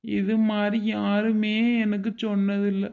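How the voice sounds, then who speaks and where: A woman doing a humble gravelly cartoon man. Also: mid-range voice, completely flat delivery, unhurried, phone-quality sound. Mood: humble grateful. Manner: humble, grateful, soft-spoken. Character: humble grateful adult man, struggling relative.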